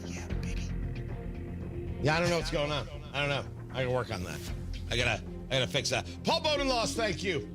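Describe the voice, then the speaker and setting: A man's voice: fairly high pitch, very animated, fast talker, over music. A man hosting a radio show with casual, joking banter, often breaking off and restarting his thoughts. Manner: joking, self-interrupting.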